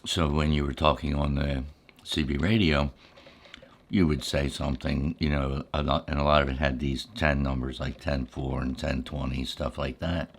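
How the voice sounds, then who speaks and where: Laid-back and unhurried, a middle-aged or older American man with a deep, low voice recalls things in a rambling ASMR storytelling way. He keeps a level tone and stops often between thoughts.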